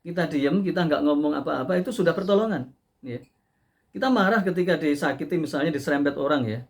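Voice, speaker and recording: A man giving a casual, animated sermon, peppering his talk with "ya" and laughing at his own stories. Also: fairly high pitch, fast talker, gravelly. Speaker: Islamic preacher. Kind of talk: casual sermon to a live audience.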